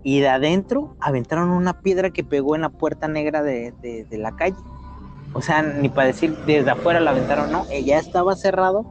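A man's voice: on the high side, a little fast, over music. A man with a Mexican accent telling paranormal stories in a casual chat, acting out quotes and sound effects. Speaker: storyteller guest.

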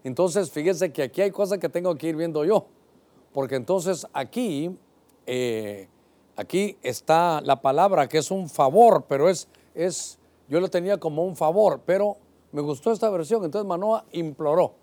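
A male pastor teaching a Bible sermon, animated and speaking directly to his listeners. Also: fairly high pitch, moderate pace.

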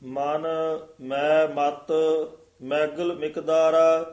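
A man reciting scripture in a slow, sung chant as a student repeating a teacher's corrections. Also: fairly high pitch, little pitch movement, a little mellow, reverberant.

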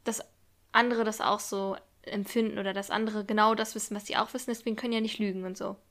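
A woman's voice: medium pitch, level tone, fast, a bit bright. A young woman chatting casually, backing up her friend with reflective, slangy comments. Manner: supportive listener, reflective and slang-heavy. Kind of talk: casual chat.

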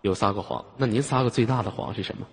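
A man's voice: on the low side, quick pace, breathy edge. A man hosting a live online voice chat, bantering and teasing callers in a joking way, often chuckling as he talks. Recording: noisy, long hall-like reverb on the mic.

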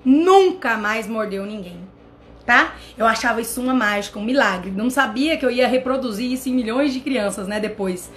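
High-voiced Brazilian woman telling a story. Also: fairly quick, few pauses, slight background noise. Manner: animated, addresses viewers directly. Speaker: channel host. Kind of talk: personal storytelling to viewers.

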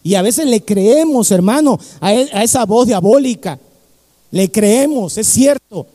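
A man's voice: sits high, animated, measured pace, warm tone, long reverb tail. A man preaching a fervent sermon, repeating key phrases and calling the congregation 'brother'.

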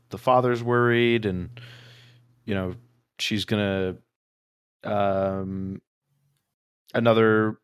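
A man's voice: fairly low pitch, smooth, no echo, clean studio sound. A man co-hosting a podcast, casually retelling a short story with lots of fillers and restarts. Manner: rambling retelling with many fillers. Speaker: podcast co-host. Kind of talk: casual book discussion.

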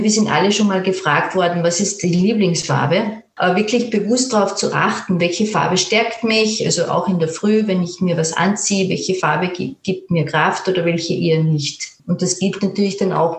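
A woman, a creative therapist who gently leads a guided imagery exercise and then answers interview questions calmly. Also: fairly low pitch. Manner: calm, gentle, with fillers and restarts. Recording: roomy echo.

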